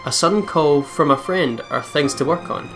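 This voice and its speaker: A let's play host switches between narrating visual novel text and chatting with a giggle, backed by the game's music. His voice is fairly high-pitched and moves at normal speed.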